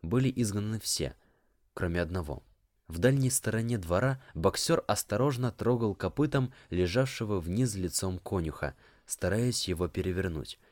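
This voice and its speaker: A man reading an audiobook, narrating a story in a measured, storytelling manner. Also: on the low side, animated, darkish tone, dry recording, clean studio sound. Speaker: audiobook reader.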